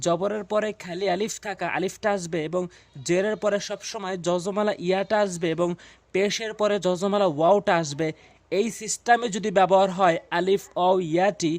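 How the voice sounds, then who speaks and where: A man with a high voice teaches Quran reading, recorded close and dry with no room sound. He repeats each rule several times and chants syllables in drills, pausing on hesitant fillers between phrases. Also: fairly even intonation, dry recording. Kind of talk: spoken tutorial lesson.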